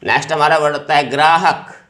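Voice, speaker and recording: A man teaching English vocabulary, repeating each word loudly and quizzing students as he explains its meaning. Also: on the high side, steady tone, fast. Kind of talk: vocabulary lesson. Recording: echoey room.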